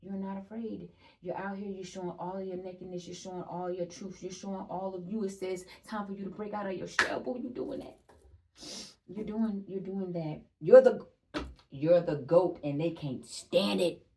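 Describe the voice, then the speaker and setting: A woman's voice: mid-range voice, little pitch movement, moderate pace, darkish tone, recorded from a distance, slight background noise. A young woman gives a casual spiritual energy reading, chatty and emphatic, repeating phrases, swearing and laughing often.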